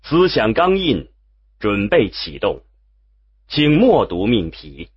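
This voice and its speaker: A calm automated machine voice, read by a male narrator that gives instructions one step at a time. It comes out husky and slow. The recording sounds dull and lo-fi. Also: fairly low pitch, exaggerated voice. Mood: procedural. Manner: flat procedural prompts.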